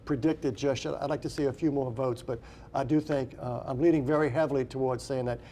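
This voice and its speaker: A man's voice: mid-range voice, steady tone, fast, dark tone, slight background noise. A man giving unscripted live election analysis in a conversational way, correcting himself as he works through his thoughts. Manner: conversational, hesitant phrasing with self-corrections.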